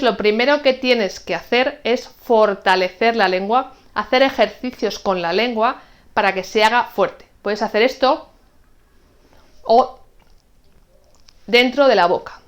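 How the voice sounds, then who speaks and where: A woman gives an online Spanish lesson. Her voice sits a little high, and she explains each rule in a clear, patient way, spelling out example words with care. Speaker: Spanish teacher.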